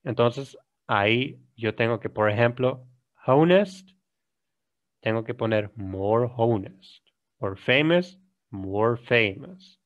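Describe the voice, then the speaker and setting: A man with an Ecuadorian Spanish accent teaching an English grammar lesson, explaining in Spanish, reading examples slowly and often checking "¿sí?". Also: medium pitch, expressive. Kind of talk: recorded classroom lesson. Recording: dull lo-fi recording.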